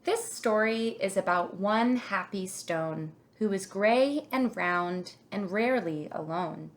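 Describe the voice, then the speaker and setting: With a mid-range voice, a woman tells a children's picture book story in an expressive, deliberate way, much like a kindergarten teacher reading aloud.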